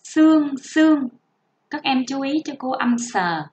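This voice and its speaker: A woman teaching a first-grade reading lesson online, reading slowly and spelling out each sound for young children. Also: high voice, lively intonation. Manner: slow, careful, drawn-out model reading and spelling out sounds. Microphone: home recording for an online class. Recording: dull lo-fi sound.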